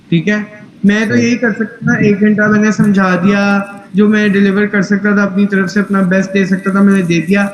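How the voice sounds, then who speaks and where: A man's voice: high-pitched, reverberant, highs cut off. A man teaching tajweed in an online class, patient and corrective, mixing English phrases into his speech. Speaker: Quran recitation teacher.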